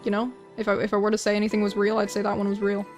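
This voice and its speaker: This young artist streams her drawing session and chats with viewers very fast in a monotone, medium-pitched voice while faint music plays. She rambles, keeps restarting her sentences, and puts herself down.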